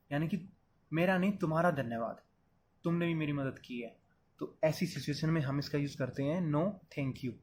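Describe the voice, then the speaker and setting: A man's voice: on the high side, darkish tone, slight background noise. A man teaching English phrases in a casual, explanatory Hindi lesson, going step by step and talking to the viewer like a friend. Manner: chatty, explains step by step, calls the viewer "brother".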